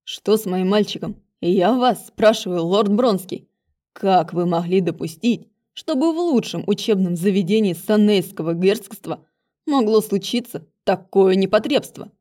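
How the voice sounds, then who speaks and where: A woman reading an audiobook, voicing a hoarse, angry male werewolf lord who snaps at everyone, a little lower and louder than her own voice. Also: moderate pace, hardly any pauses, lightly acted. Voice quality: hoarse, snapping.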